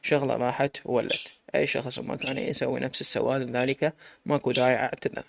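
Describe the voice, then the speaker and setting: A man reads a young woman who second-guesses everything she does. She talks in quick, anxious bursts. Her voice is gravelly, and loud background noise sits under it. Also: medium pitch, little pitch movement, close to an everyday voice. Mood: self-scolding. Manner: nervous, self-questioning.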